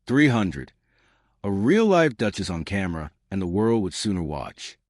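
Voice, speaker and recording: A man's voice: low-pitched, big pitch swings, moderate pace, a little mellow, no room sound, studio quality. A man narrating a scripted exposé as host, smug and sarcastic, in short punchy sentences. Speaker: narrator and host of celebrity commentary.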